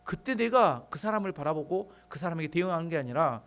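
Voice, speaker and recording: A man preaching with a high, animated voice that climbs and falls a lot. He reads scripture in a calmer, softer tone, then rises into loud, emphatic exhortation. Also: brisk. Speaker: pastor. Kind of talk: sermon.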